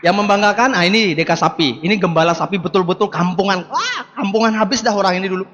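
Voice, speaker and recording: A motivational business speaker in his forties, with a high, fairly bright voice at a quick pace, delivers an emphatic seminar speech to a live crowd in a large hall. He repeats rallying words and speaks to the crowd directly. Slight background noise joins the echoey hall sound and dull lo-fi quality.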